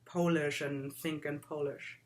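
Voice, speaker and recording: A woman's voice: deep voice, flat delivery, measured pace. A woman hosting a casual interview, bubbly and giggly, with lots of ums and likes. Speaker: interview host.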